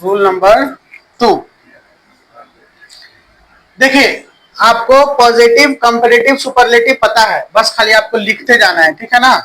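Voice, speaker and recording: A man teaching an English grammar lesson, dictating slowly and checking in with his students. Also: extremely high pitch, pushed and bright, slight background noise, low-quality recording.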